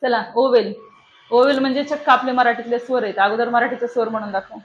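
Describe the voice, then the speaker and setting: A woman's voice: on the high side, fairly even intonation, a little fast, lo-fi sound, slight background noise. A woman teaching a shorthand lesson to a classroom, asking the class questions and answering them herself. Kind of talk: classroom lecture. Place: classroom with online students.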